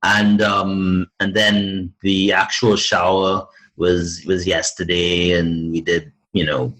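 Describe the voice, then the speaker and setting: Guest: young man from trinidad and tobago, deep husky voice, chatty, lots of ums and restarts. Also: little pitch movement, slow, fairly bright tone, rough recording. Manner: chatty, many fillers and restarts, laughs easily. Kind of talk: casual interview chat.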